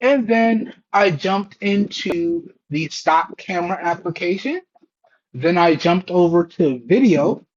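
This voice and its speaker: A man's voice: high voice, animated, slow, lo-fi sound. A man casually narrating a product test to viewers in a folksy, explanatory way, recorded through a Bluetooth earbud headset mic. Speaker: tech reviewer, channel host. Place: indoors at home. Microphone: wireless earbud microphones over Bluetooth.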